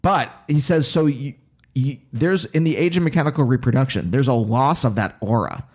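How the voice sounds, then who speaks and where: The man hosting this casual podcast chat has a medium-pitched, slightly mellow voice and a Pennsylvania accent with hints of New York. His phrasing is halting and self-interrupting as he works through ideas aloud.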